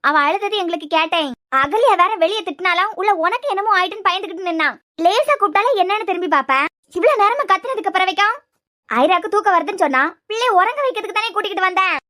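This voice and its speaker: A woman doing a shrill scolding cartoon grandmother with a Kanyakumari accent. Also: animated, bright, forceful tone, heavily acted. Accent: Kanyakumari Tamil. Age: older. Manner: scolding, rapid questioning. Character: bossy grandmother and mother-in-law, suspicious, scolding.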